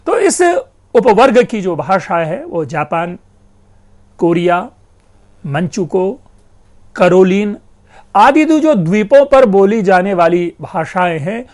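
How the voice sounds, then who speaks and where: A lecturer talks through an academic lesson with a patient, explanatory manner. The voice sits in a middle pitch range. The lecturer addresses the listeners as friends and leans on key terms. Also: big pitch swings, takes it slowly, long pauses, darkish tone.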